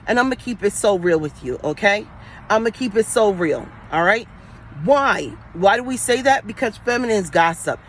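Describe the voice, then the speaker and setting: Woman, Queens New York accent, mid-pitched, streetwise straight-talker giving a profane, emphatic livestream rant over faint urban noise. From New York City, Queens. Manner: blunt, streetwise, emphatic, slangy. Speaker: livestreaming spiritual advisor.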